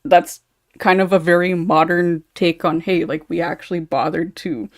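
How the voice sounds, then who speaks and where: Relaxed chatty podcast guest, mid voice, dry sound, call mic. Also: mid-range voice, moderate pace, dry recording. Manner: relaxed, chatty, laughs between thoughts. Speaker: podcast panelist and ASMR writer. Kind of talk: casual podcast chat.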